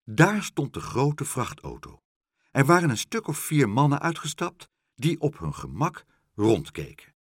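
Man, storybook reading, playful, dry close sound, husky voice. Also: medium pitch, measured pace, no echo. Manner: lively character voices, playful. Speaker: narrator.

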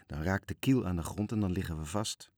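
A man's voice: sits low, fairly quick, darkish tone, no echo, studio quality. A man voicing a little boy ship captain who is bold and in charge, barking urgent orders. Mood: muttering.

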